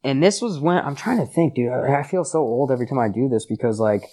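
A man's voice: mid-range voice, fast talker, warm tone. Young American guy, laid-back bro talk. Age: young adult. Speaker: podcast guest, sports podcast host. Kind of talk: casual chat, telling stories.

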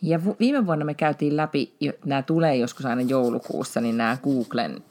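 A woman's voice: very deep voice, darkish tone. A woman hosting a podcast, chatting casually and laughing often, with frequent restarts. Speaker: podcast host.

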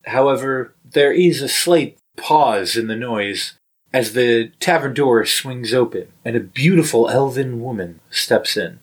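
A man running a tabletop game, laying out scenes in a measured, descriptive voice. His pitch sits in the middle of a man's range. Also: slightly rough. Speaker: game master.

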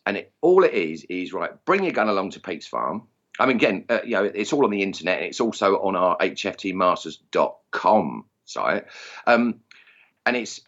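A man's voice: low-pitched, a bit bright, lo-fi sound. A man with an Essex accent chatting casually as an interview guest, self-deprecating and jokey. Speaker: interview guest, target shooting instructor. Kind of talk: casual chat.

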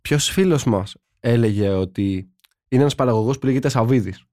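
A young man co-hosts a casual podcast chat in an animated, joking way, heavy on slang. His voice sits at a middle pitch. The sound is dry and close, with almost no room echo. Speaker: podcast co-host.

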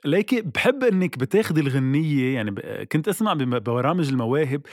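A man's voice: fairly high pitch, expressive, quick pace, darkish tone, dry recording, clean studio sound. A man with a Lebanese accent co-hosting a podcast in casual chat, teasing and mock-indignant, often cutting in. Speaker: podcast co-host.

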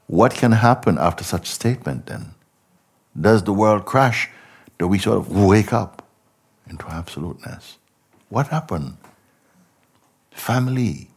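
A man giving a contemplative spiritual talk as a teacher, speaking slowly and reflectively, posing many rhetorical questions and often trailing off softly. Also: sits low, breathy edge.

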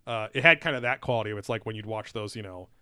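Talking quickly in a lowish voice that's still bright, forceful and smooth, a podcast co-host chats casually and profanely while reviewing a TV show. He rambles, full of fillers and restarts, over dry, close audio with no echo.

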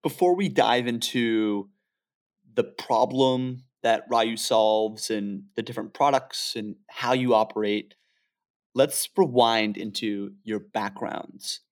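A man's voice: medium pitch, takes it slowly. A man hosting an interview, asking questions in a conversational way. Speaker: podcast host.

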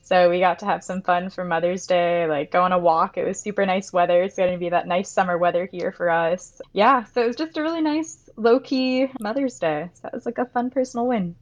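A woman's voice: fairly low pitch, fairly quick, few pauses, lo-fi sound. A woman speaking as a podcast guest from a tech team, chatting casually. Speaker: podcast guest, tech company education specialist. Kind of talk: casual chat.

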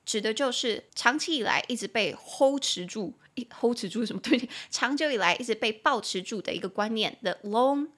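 A young woman with a Taiwanese Mandarin accent hosting a podcast English lesson, spelling words out letter by letter and repeating key words slowly with chatty, playful explanations. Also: a little high, breathy edge. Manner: chatty, lively explanations with playful acted examples. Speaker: English teacher and podcast host.

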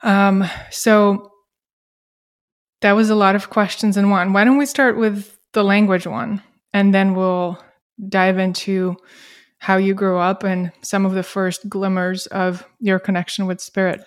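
A female interviewer speaks at a medium pitch with very little melodic movement. Her delivery is casual and conversational, as in a relaxed interview. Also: measured pace, clean tone.

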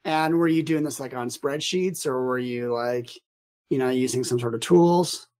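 A man's voice: mid-range voice, normal speed, a little mellow. Male podcast host, easygoing interviewer, lots of "uh"s and restarts. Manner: chatty, lots of fillers and restarts. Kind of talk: casual interview.

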